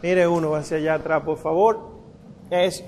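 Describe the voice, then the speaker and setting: High-voiced man patiently coaching a chant. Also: fairly even intonation, moderate pace, darkish tone, a little hiss or hum. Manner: patient, coaching pronunciation syllable by syllable. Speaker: liturgical chant instructor. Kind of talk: teaching a congregation to chant.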